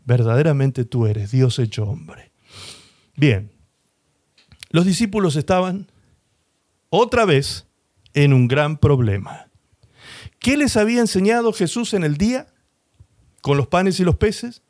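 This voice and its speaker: A male pastor preaching a sermon, retelling scripture dramatically and slowing down for emphasis. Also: high voice. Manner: expressive preaching, slows and rises for emphasis; dramatizes scripture, voicing the people in the story.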